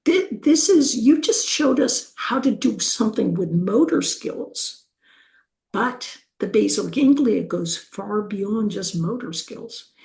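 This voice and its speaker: An older woman gives a conversational university lecture with slides, her mid-range voice lively in intonation, somewhat dark, with vocal fry. This professor sometimes restarts and corrects herself, and she slows down and draws out key words to stress them.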